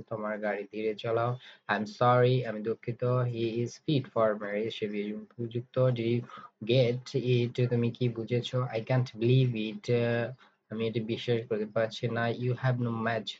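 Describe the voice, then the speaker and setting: Slow, flat-voiced man teaching phrases. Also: medium pitch, highs cut off, slight background noise. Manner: reads an English phrase slowly, then its translation quickly. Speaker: English teacher. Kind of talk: phrase-by-phrase language lesson.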